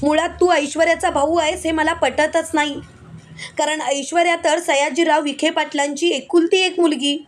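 A woman's voice: sits high, fairly even intonation, moderate pace, lightly acted. A woman reading the lines of a determined young woman who pleads and accuses, in an urgent tone.

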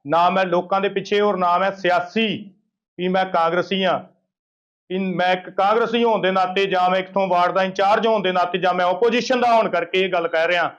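In a press interview, a high-voiced man who leads a local opposition party airs a political grievance with emphatic indignation, repeatedly returning to the same points. The audio is a dull-sounding field recording.

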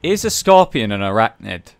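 A man's voice: lowish voice, very animated, normal speed, vocal fry, clean tone. A man hosting a casual gaming chat, rambling and cutting himself off as he talks. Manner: rambling, self-interrupting. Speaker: host.

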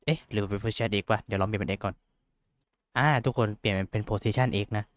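A young man rambles through a casual tutorial, teasing himself and filling pauses as he goes. His voice sits on the low side and comes across smooth and clean. The sound is dry and close, with almost no room around it. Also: steady tone, dry recording. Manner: rambling, self-mocking, chatty with fillers. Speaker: VTuber tutorial host. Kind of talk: casual screen-share tutorial.

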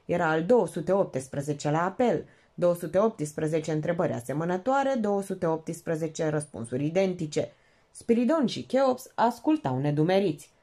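A woman narrating an audiobook in an expressive storytelling manner. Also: fairly low pitch. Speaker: audiobook reader.

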